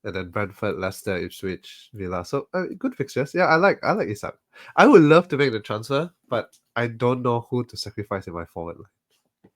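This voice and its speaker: A man's voice: medium pitch, very animated, normal speed. A man co-hosting a podcast in casual chat, sounding nasal and congested from a flu, laid-back and listing stats methodically. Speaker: podcast co-host.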